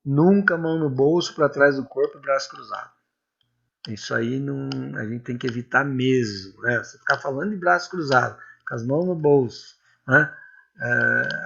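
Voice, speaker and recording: Chatty Brazilian man teaching, gravelly and bright. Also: medium pitch. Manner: chatty, full of tag questions and anecdotes. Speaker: public speaking teacher. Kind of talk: informal classroom lecture. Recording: dull lo-fi recording.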